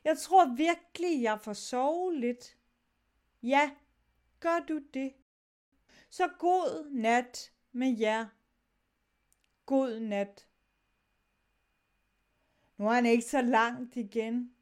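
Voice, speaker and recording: A woman's voice: a little high, long pauses. A woman reading a dramatic story of shipwrecked sailors aloud, shifting her tone between the sailors' lines.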